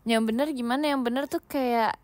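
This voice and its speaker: A woman's voice: a little high, steady tone, fairly quick, darkish tone, no echo. A young woman from Indonesia chatting casually with viewers on a livestream, playful and giggly, mixing in English words while lying down at home. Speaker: idol livestreamer.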